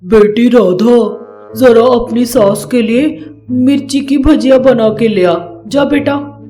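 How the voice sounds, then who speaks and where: A woman's voice: a little high, steady tone, takes it slowly, dark tone. A woman voicing a joking, easygoing father-in-law in a storybook tale. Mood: coaxing. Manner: joking, wry. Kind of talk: storybook narration with acted voices. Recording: roomy echo, faint background music.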